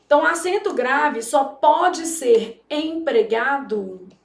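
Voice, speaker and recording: A woman's voice: high-pitched, lively intonation, slow pace, vocal fry, echoey room. A Brazilian woman teaching grammar for exam preparation, speaking emphatically and dramatically, with frequent checks on her students. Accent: Brazilian Portuguese. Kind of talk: exam-prep grammar lesson.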